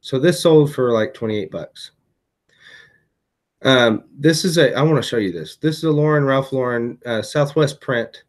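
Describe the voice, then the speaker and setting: A man's voice: mid-range voice, measured pace. A tired man hosting a casual vlog, chatting through items he resold, with lots of fillers and restarts. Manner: chatty, many fillers and self-corrections. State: tired, hiccuping late at night. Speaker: eBay reseller vlogger.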